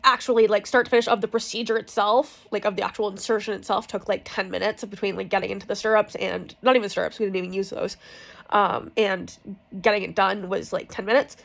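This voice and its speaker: A young woman with cramps vlogs a personal story, her mid-range voice steady in tone, quick and marked by vocal fry. The telling is loose and rambling, candid, and peppered with fillers and swear words.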